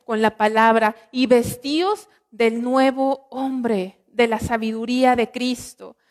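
A high-pitched woman with a Mexican Spanish accent delivers a sermon. She teaches earnestly, poses rhetorical questions to her listeners and draws out the scripture verses slowly. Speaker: preacher.

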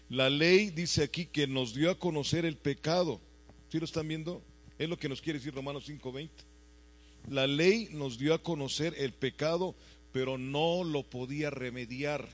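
A man preaching a sermon who keeps asking his congregation rhetorical questions, swinging between loud emphatic lines and quiet low ones. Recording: faint mains hum behind the voice.

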